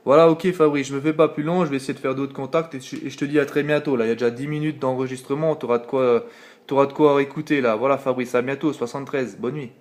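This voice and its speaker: A French-accented man speaks fast in a steady, medium-pitched voice, chatting casually with lots of fillers during a late-night CB radio contact. He's a CB operator talking into his radio mic at home, and the clip was filmed on a phone.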